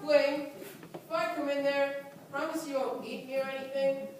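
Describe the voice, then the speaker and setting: A woman's voice: high-pitched, level tone, moderate pace, lightly acted. A woman playing a cocky young prince. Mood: bratty. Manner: boastful then nervous, whiny. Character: young prince, cocky but jumpy boy. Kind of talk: amateur church play. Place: church stage. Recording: echoey room from far off with loud noise.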